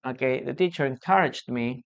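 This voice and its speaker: A teacher from Peru giving a live bilingual English lesson, drilling words slowly and checking in with "okay?" again and again. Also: medium pitch, gravelly, dull audio. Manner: slow drilled pronunciation with frequent "okay?" checks. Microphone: phone or computer mic for a live stream.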